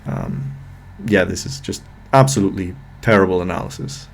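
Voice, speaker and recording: A low-voiced man reacting to a political clip with open exasperation. He swears freely and drags out his words to stress each point, sounding fed up and sarcastic. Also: normal speed, soft background music. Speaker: political commentator. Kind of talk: reaction video commentary.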